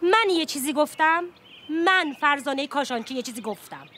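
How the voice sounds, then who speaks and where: A woman's voice: high-pitched, animated, bright, forceful tone, a little hiss or hum. An actress playing an indignant young woman who owns a factory, speaking sharply and demanding respect, in a comedy TV series. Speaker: factory owner's daughter Farzaneh.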